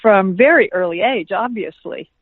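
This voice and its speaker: A woman guest speaking by phone on a radio show, her voice mid-pitched and close. She explains ideas in a measured, thoughtful way. The line is thin and tinny. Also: animated, breathy edge, dry recording. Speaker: guest author. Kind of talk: interview answers.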